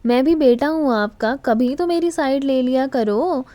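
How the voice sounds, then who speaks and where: A woman's voice: high-pitched, unhurried, warm tone, no echo. A woman doing a cheeky joking son-in-law. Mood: cheeky banter. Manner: cheeky, bantering. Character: teasing middle-aged son-in-law, playful joker.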